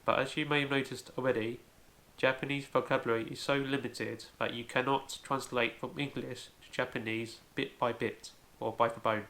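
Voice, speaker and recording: Gravelly man explaining step by step. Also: mid-range voice, fairly even intonation, moderate pace, few pauses, fairly bright tone. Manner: careful, step-by-step explaining with frequent "so". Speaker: language video host. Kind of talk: home-made tutorial.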